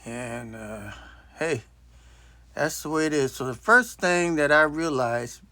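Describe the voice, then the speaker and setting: A man's voice: on the high side, lively intonation, slow, pushed and bright, dry recording. A man in his late sixties telling a rambling, blunt story as a casual monologue into his phone. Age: 60s. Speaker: vlogger. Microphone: self-recorded on a phone.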